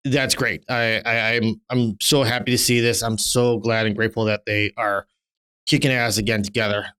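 A man in his thirties co-hosts a podcast in casual chat. His voice is smooth and resonant. He rambles with lots of restarts and drops the odd swear word. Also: lowish voice, flat delivery, moderate pace, fairly bright tone. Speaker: podcast co-host.

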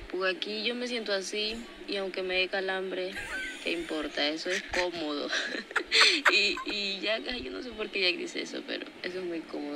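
A woman from Panama in a casual recorded message, chatty and reassuring, laughing as she talks. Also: mid-range voice. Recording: loud background noise.

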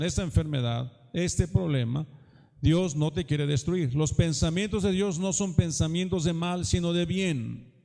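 A man's voice: on the high side, dark tone. A man preaching a sermon in earnest tones, often turning to ask the congregation questions. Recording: long hall reverb.

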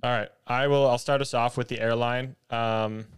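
A man's voice: medium pitch, steady tone, moderate pace, clear, resonant tone, no room sound, studio quality. A man hosting a casual podcast with bro-ish slang and some swearing. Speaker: podcast host.

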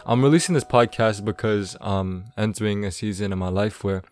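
A man's voice: fairly low pitch, fairly quick, darkish tone, dry recording. Laid-back eighteen-year-old guy. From Toronto, Canada. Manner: laid-back, slangy, rambling and self-aware. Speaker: podcast host. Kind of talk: casual solo podcast intro.

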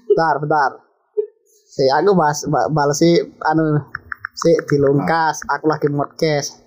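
A young man with a Surabaya Javanese accent, co-hosting a casual podcast chat, excitable and fond of mimicking sounds with sudden high jumps. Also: unhurried. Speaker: podcast co-host. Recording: dull lo-fi recording.

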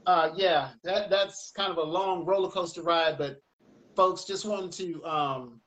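Guy with a pretty high voice, music teacher, chatty and animated, rambles through his stories. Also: measured pace, rough recording. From United States. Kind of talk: casual interview chat.

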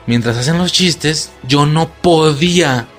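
A young man with a Mexican accent, excitedly retelling a story in slangy, profane casual talk and acting out his own shocked reactions. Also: on the high side, takes it slowly, soft background music. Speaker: vlogger.

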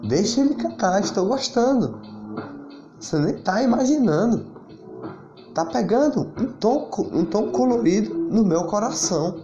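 A man's voice: sits high, expressive, unhurried, voice pushed up. A man doing a sweet eager young girl. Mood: pleading, delighted. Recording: roomy, dull, guitar music behind.

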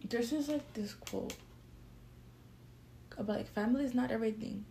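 A woman's voice: fairly high pitch, normal speed, gravelly, warm tone. A young woman co-hosting a casual podcast chat, talking with lots of fillers and bits of slang. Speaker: podcast co-host. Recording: echoey room with faint noise.

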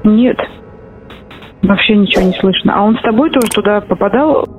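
A woman's voice: medium pitch, a little fast. A middle-aged woman talking privately on the phone as a mother, tender and anxious in her manner. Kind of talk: emotional private phone conversation. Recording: muffled intercepted phone line, music over it. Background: music.

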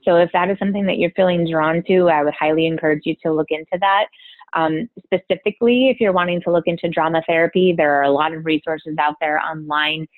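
A woman's voice: deep voice, steady tone, fast talker, dry recording. A woman drama therapist explaining her ideas in a podcast interview, often checking in with "right?". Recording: phone-like dry line.

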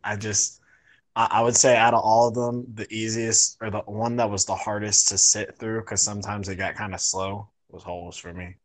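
A man's voice: lowish voice, level tone, moderate pace, low-quality recording. An American man bantering casually on a podcast, speaking colloquially and repeating himself for emphasis.

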